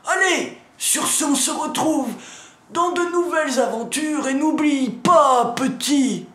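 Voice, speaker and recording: For a comic sketch, a man who runs a channel announces meetups as a surly, foul-mouthed old lighthouse riddle-keeper. His exaggerated voice is very high, fairly bright, and slow-paced as he scolds and grumbles at the viewer through a sore throat. The recording is reverberant.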